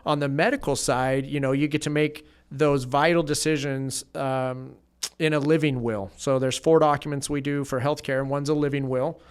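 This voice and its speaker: A man speaking as an estate planning attorney, explaining legal steps in a measured, plain-spoken way on a casual podcast. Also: medium pitch, little pitch movement, clear, resonant tone.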